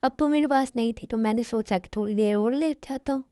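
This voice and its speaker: A possessive young mafia boss, voiced by a woman, who switches from short-fused scolding to doting pet names. The voice sits a little high and sounds mellow and soft-edged. It is recorded close and dry, with no room sound. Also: a little fast, no room sound, lightly acted. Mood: tender. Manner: scolding then sweet-talking, calls her "my darling". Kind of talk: Hindi fan-dub romance drama.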